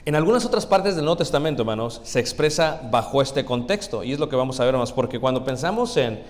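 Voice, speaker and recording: A man's voice: mid-range voice, expressive, fast. A man from Mexico, preaching a conversational sermon and speaking directly to the congregation as his brothers, asking them questions. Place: church sanctuary. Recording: long hall reverb in a church.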